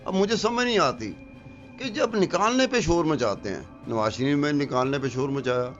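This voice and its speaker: A man's voice: a little high, lo-fi sound, faint music behind. A middle-aged man giving political commentary on a talk show, emphatic and argumentative, repeating his points for effect.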